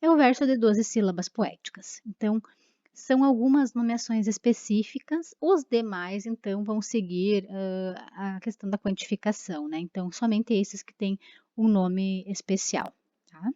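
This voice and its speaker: A woman's voice: mid-range voice, moderate pace, warm tone, dry recording, highs cut off. A woman teacher giving a recorded lesson, explaining step by step with frequent tag questions and fillers.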